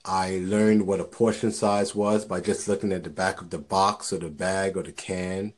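A man with a fairly low voice talks in a relaxed, conversational way. He sounds earnest and encouraging, and he often stumbles over and repeats his first words before he settles into a sentence. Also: moderate pace. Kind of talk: casual conversation.

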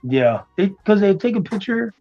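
A man from the United States, raised in New York and Florida, talking as an interview guest in a relaxed, hesitant way with many ums. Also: high voice, moderate pace, highs cut off, faint music behind. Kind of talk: casual interview chat.

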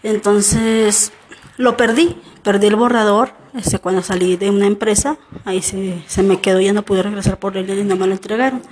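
A woman's voice: mid-range voice, steady tone, normal speed, darkish tone, a little hiss or hum. A middle-aged woman, talking personally to viewers in a rambling way, full of fillers and restarts. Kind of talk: personal confessional talk to viewers.

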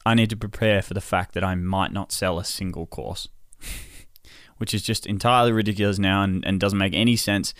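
A man hosting a solo podcast in a casual, low, unhurried and subdued way, sounding tired and sore. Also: steady tone, dry recording, studio quality. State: tired and in pain, recovering. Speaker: podcast host.

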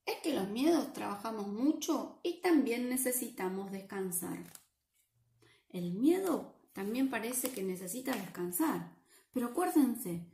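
A woman with a Rioplatense Spanish accent reads a picture book aloud to children, playful and lively, often asking them questions. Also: fairly high pitch, vocal fry, echoey room. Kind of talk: animated read-aloud for children.

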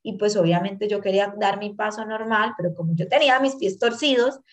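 A woman in her thirties with a Colombian accent, a guest in an interview telling her life story in an earnest, animated way and acting out what people said. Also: mid-range voice, brisk. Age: 30s. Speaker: guest, tango dancer.

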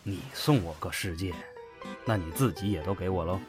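A man voicing a smug, domineering emperor who teases and presses with a calm drawl, in a comedic audio drama. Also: low-pitched, a little fast, faint music behind, close to an everyday voice. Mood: teasing. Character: smug, domineering young emperor, teasing and pushy.

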